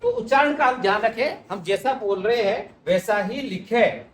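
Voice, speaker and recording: Male teacher, high voice, patient explainer, recorded from a distance in an echoey room. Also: animated, normal speed, fairly bright tone. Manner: explanatory, addresses students directly. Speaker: Hindi teacher. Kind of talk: exam-prep spelling lesson.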